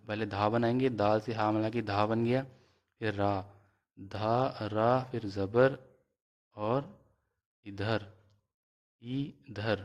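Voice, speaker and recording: A man teaching a reading lesson, spelling out letters and vowel marks slowly and then blending them into words. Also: fairly low pitch.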